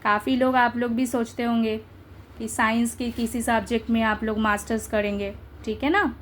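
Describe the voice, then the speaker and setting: A woman's voice: a little high, fairly even intonation, normal speed, a little hiss or hum. A young adult woman teaching an English grammar lesson, coaxing her students and checking often that they follow. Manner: coaxing, checks understanding with repeated tag questions. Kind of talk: exam-prep grammar lesson.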